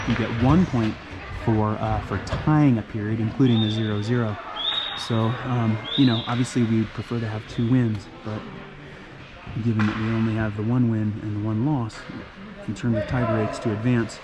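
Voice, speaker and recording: A man giving amateur play-by-play of a youth hockey game from the stands, getting worked up and shouting encouragement between chatty, joking asides. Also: lowish voice, level tone, normal speed. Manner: chatty asides with dry jokes. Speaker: parent play-by-play commentator. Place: stands of an indoor ice rink. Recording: loud rink background noise.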